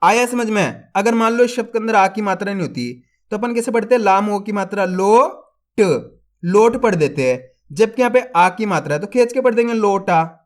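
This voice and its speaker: In an online reading lesson, a man teaches Hindi by sounding out syllables slowly and drawing them out, then saying each joined word louder. He explains things to his viewers more quickly and softly. His voice is high-pitched and expressive.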